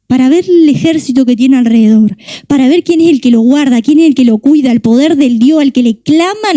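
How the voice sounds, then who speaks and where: A young woman with a Rioplatense Spanish accent preaches with passion, stacking up rhetorical questions. Her voice sits high yet sounds mellow and warm. The recording is dry and close. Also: no echo. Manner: impassioned, repetitive rhetorical questions. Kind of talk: sermon.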